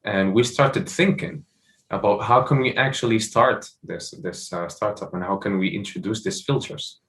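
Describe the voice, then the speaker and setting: A man's voice: lowish voice, normal speed, fairly bright tone. A young man from Morocco, a startup founder, answering interview questions with many fillers and restarts.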